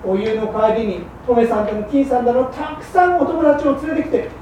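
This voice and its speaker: Woman as a high-voiced, scolding Edo wife; far off, echoey hall. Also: lively intonation, dark tone, close to an everyday voice. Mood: reproachful. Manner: coaxing, reproachful, brisk. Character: patient, shrewd working-class wife of a fishmonger. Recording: roomy hall from far off, faint hum.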